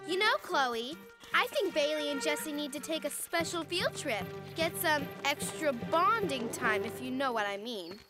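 A woman's voice: high-pitched, lively intonation, a little slow, over music. A woman voicing a catty, conniving teenage sidekick in a cartoon, talking in a sly, snide, teasing way. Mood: scheming. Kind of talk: animated series voice acting.

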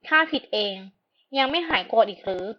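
A woman voicing a quick-witted woman doctor, the prince's wife, in a storybook reading, speaking slowly with a sharp tongue. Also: fairly high pitch, dull audio, natural voice. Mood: retorting.

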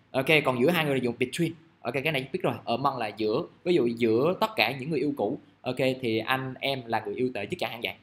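A man, teaching English grammar in a casual, chatty way and reading example sentences out slowly. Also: mid-range voice, a bit bright. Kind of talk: casual classroom explanation. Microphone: recording device at his desk.

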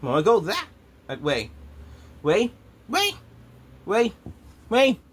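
A woman voicing a cheerful tomato character who leads his friends in a fan-made puppet show, talking haltingly with many restarts. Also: mid-range voice, huge pitch swings, breathy edge, full character voice. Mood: bossy.

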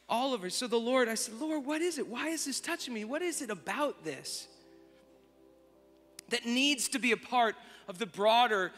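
A man telling a story as a sermon, moving from soft, reflective speech to fervent exclamations. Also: high-pitched. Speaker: worship leader. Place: large church auditorium. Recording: reverberant church hall with music.

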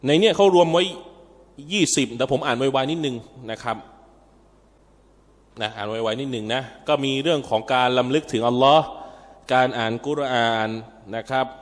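A man teaching an informal religious lecture in a mosque, talking chattily to the congregation as brothers and sisters with asides. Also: medium pitch. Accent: Thai. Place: mosque hall. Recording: long reverb of a mosque hall.

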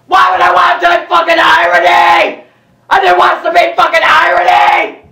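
A video blogger ranting in a panic, shrieking and swearing, hoarse from screaming. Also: extremely high pitch, monotone, normal speed, sharp tone, roomy sound, raised voice, recorded from a distance, some chatter behind, low-quality recording.

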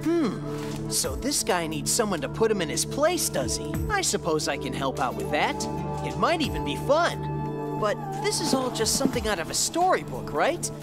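A man's voice: high-pitched, wildly swooping pitch, moderate pace, loud music behind the voice. An actor playing a cocky young male hedgehog hero in a video game, casual, flippant and wisecracking. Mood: casual confidence. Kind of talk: video game cutscene acting.

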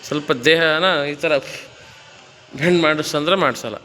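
A man's voice: fairly high pitch, unhurried, pushed and bright, in a large hall. A man from Karnataka coaching a home workout in a casual, bossy and teasing way, counting reps aloud. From Karnataka, India. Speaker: fitness coach.

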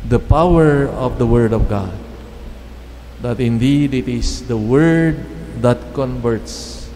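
A middle-aged man preaching a homily at Mass, speaking in measured, halting phrases with pauses, into a lectern microphone. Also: medium pitch, dark tone, a little hiss or hum. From Philippines. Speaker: priest. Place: church chapel. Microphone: standing mic at lectern. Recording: long church reverb, faint ambience.

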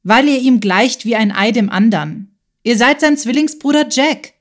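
A woman voicing a clever, eager boy detective in a children's audiobook, talking in a quick, scheming way. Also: fairly high pitch, lively intonation, natural voice. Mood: confident.

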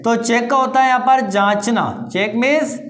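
A teacher giving a grammar lesson, asking rhetorical questions, answering them and slowly repeating each answer. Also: medium pitch, fairly bright tone. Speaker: English teacher. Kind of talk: classroom-style grammar lesson. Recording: roomy echo with faint background noise.

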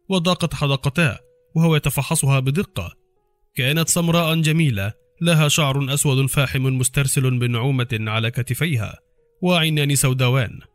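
A man narrating a spy novel in an even, measured storytelling way. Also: on the high side. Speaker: audiobook narrator.

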